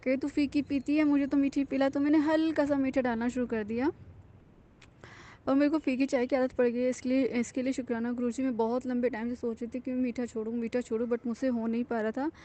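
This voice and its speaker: High, mellow-voiced woman giving earnest thanks. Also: level tone, fast, highs cut off. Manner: earnest, confiding, with frequent fillers and restarts. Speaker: devotee sharing a testimony. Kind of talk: personal devotional testimony, casual.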